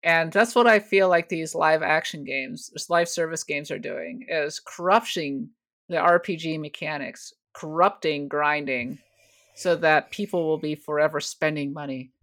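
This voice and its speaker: A podcast co-host explaining points in a measured, conversational way. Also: mid-range voice, a bit bright. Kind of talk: casual panel discussion.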